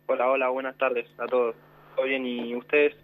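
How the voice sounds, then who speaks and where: A man's voice: mid-range voice, completely flat delivery, normal speed, no room sound. A young man with a Rioplatense Spanish accent, a football player giving short, modest answers in a radio interview. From Argentina. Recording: tinny phone line.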